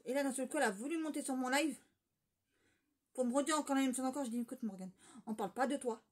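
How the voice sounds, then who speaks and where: A woman rattles off a gossipy storytime in a rush, her voice sitting a little high. She rambles and keeps restarting her sentences. It sounds like a casual vlog. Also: quick pace, darkish tone. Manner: rambling, gossipy retelling with many fillers and restarts. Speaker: vlogger.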